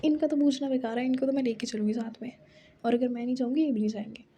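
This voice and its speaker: A woman's voice: on the high side, fairly even intonation, fast talker, dark tone, a little hiss or hum, natural voice. A woman voicing a bossy, teasing young woman who pushes her friends around in a playful way. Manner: playful, pushy.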